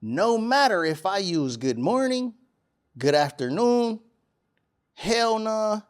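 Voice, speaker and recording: A man's voice: high-pitched, sing-song, slow, smooth. Casual man rambling in a podcast chat. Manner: rambling, restarts often, emphatic when making a point. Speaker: podcast host. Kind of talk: casual studio conversation. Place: podcast studio.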